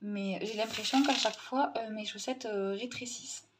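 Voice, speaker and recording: A young adult woman from Tunisia, chatting casually in a haul video, pausing often and restarting her sentences. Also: mid-range voice, fairly even intonation, noisy background. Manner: hesitant, many fillers and restarts, chatty. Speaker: vlogger.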